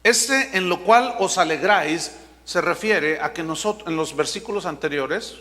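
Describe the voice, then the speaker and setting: A male pastor preaching a sermon with emphatic delivery, slowing down to stress key words. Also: a little high, bright, forceful tone, in a large hall.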